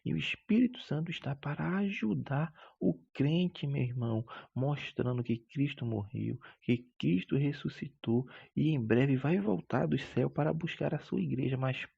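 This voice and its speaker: A man teaches a Bible lesson in a gravelly, husky voice. He preaches with emphasis, drawing out key words and calling his listeners brother. The recording is dull and lo-fi. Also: mid-range voice, normal speed, few pauses, warm tone. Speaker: Sunday school teacher.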